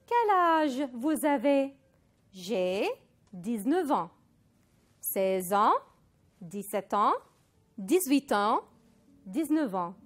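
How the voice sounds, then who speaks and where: A woman teaching a recorded French lesson, saying model phrases slowly and clearly for students to repeat. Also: on the high side. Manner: slow, deliberate model phrases for repetition, mixing in Arabic.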